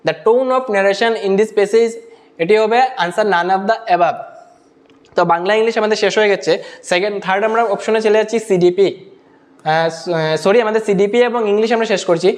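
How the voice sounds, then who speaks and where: Reading every English question out slowly, a male exam-prep teacher with a high voice then explains each answer in Bengali sprinkled with English terminology.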